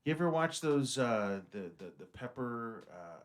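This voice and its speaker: A man's voice: medium pitch, sing-song, a little slow, slight background noise. A man in his fifties hosting a casual radio talk show, rambling with many stammered restarts. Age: 50s. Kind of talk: casual studio chat.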